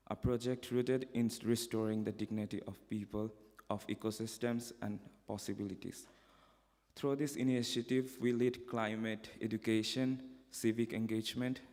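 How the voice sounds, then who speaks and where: A young man from Bangladesh delivers a prepared speech in a large hall, earnest and measured, with a few restarts. His voice sits fairly low and stays flat in pitch. A long reverb trails his words. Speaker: conference speaker. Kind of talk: prepared personal testimony speech.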